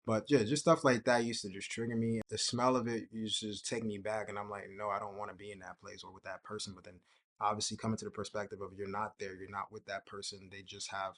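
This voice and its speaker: Young male host, low-pitched, easygoing chatty delivery with frequent laughs. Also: fast. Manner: relaxed, conversational, laughs often, acts out quotes. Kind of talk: casual personal talk to camera.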